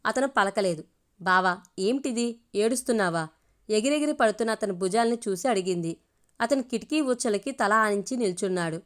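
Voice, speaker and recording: A woman storyteller greeting listeners and then narrating a romance in a calm, even reading voice. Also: medium pitch, brisk.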